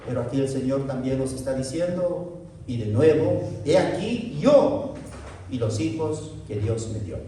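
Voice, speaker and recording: A man's voice: medium pitch, lively intonation, measured pace, dark tone, recorded from a distance, slight background noise. A man preaching a sermon as pastor, with fervent emotional delivery that climbs sharply at its peaks. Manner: emotional preaching, voice rising sharply in the cries of the quoted lament. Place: large echoey church hall. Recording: very echoey hall, voice heard from afar.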